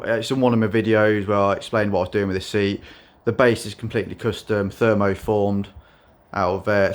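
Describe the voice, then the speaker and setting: Low-voiced man giving a slow monotone walkaround. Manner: self-described monotone, halting with fillers. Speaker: motorcycle builder showing his bike. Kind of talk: casual walkaround vlog.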